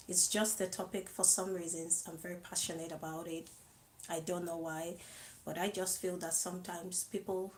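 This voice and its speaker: A woman hosting her own live video, chatting slowly to viewers, greeting them and laughing softly. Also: lowish voice, slight background noise, poor audio. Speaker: live-stream host. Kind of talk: casual live-stream chat to viewers.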